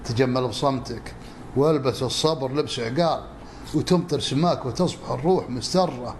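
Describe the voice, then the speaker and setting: A man's voice: medium pitch, brisk. Male poetry reciter, mid-range voice, rhythmic Nabati verse, background ambience noise. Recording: clearly noisy background ambience.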